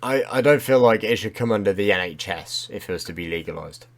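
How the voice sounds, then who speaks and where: A man's voice: on the low side, expressive, fast, a crowd in the background. A young man hosting a podcast, chatting with a friend in an easygoing, agreeable way. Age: young adult. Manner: easygoing, agreeable, loose conversational talk. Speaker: podcast host. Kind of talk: casual chat.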